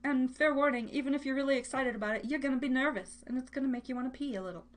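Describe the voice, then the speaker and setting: Her high-pitched voice races along as she hosts a live online radio show. A radio and podcast host by trade, she keeps the chat casual, playful, and rambling, often cutting herself off while talking directly to listeners.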